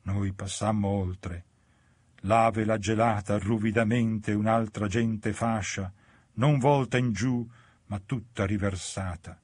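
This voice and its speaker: A man giving a measured, solemn recitation of epic verse. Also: steady tone, darkish tone, dry recording. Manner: measured and solemn, dropping low on grave lines. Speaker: reader.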